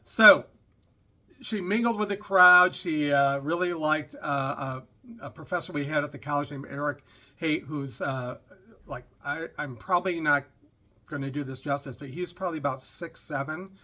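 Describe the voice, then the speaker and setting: A middle-aged man telling a story to camera in a loose, chatty way. His voice is bright, with a touch of lift in its pitch. He rambles and circles back with asides and fillers. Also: moderate pace. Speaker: lecturer telling a personal story.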